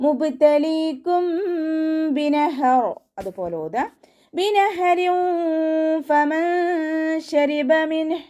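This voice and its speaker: In an online tajweed class, a woman with a higher voice gives patient, step-by-step pronunciation instructions. She then recites each verse slowly, and her instructions often end with a soft "tto."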